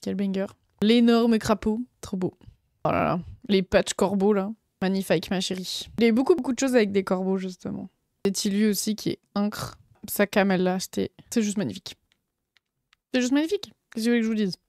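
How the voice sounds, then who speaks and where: A young woman on a live stream chats casually and gushes over her convention purchases, using lots of fillers. Her mid-range voice is steady, a little fast, and a little mellow, recorded in clean studio sound with no echo.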